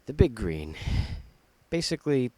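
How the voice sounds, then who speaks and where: A man's voice: medium pitch, very animated, unhurried, background noise. A man casually showing off his laserdisc collection, jokey and rambling, with puns and asides. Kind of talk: casual show-and-tell vlog.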